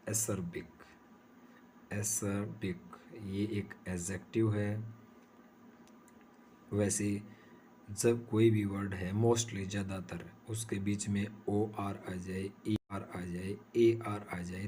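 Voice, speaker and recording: A man's voice: low voice, fairly even intonation, takes it slowly, dark tone, slight background noise. A man teaching English vocabulary in Hindi, explaining patiently and repeating each word and example.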